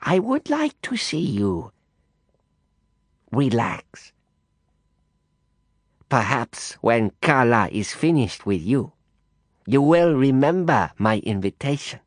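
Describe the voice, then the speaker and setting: A man's voice: mid-range voice, very animated, no room sound, clean studio sound, voice pushed up. A man voicing a silky, menacing madam. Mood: silkily threatening. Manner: slow, theatrical, sweetly threatening. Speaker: narrator voicing a character.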